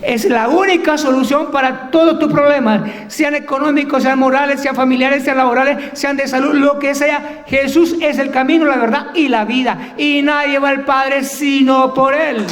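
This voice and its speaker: A man's voice: very high voice, fairly even intonation, normal speed, few pauses, fairly bright tone, long reverb tail. A man preaching a fervent sermon as pastor, asking rhetorical questions and acting out the voices of Bible figures.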